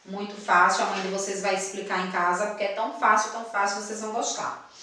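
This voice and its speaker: A woman's voice: medium pitch, flat delivery, sharp tone, distant mic, slight background noise. Teacher woman in an echoey room. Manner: slow emphatic syllable-stressing explanations with quiz questions. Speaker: primary school teacher. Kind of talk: recorded remote class lesson. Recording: echoey room, voice away from the mic.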